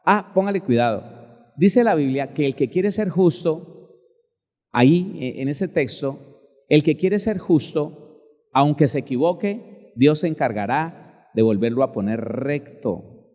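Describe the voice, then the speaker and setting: A male pastor preaching a sermon emphatically, spelling out words slowly and addressing listeners directly. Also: a little high, expressive, dark tone, big-room sound.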